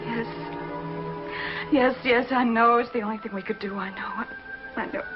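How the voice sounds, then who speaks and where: An actress playing a lonely, desperate woman on the phone to the lover who left her, tearful, halting and stammering in 1950s television drama style. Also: on the high side, steady tone, close to an everyday voice. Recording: muffled old TV broadcast with music.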